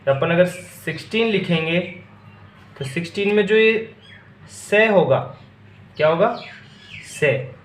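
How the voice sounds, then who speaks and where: A man's voice: high-pitched, expressive, slow, long pauses, roomy sound, slight background noise. A young man teaching German numbers to a class. He asks a question, then answers it himself and repeats each word. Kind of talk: classroom-style language lesson.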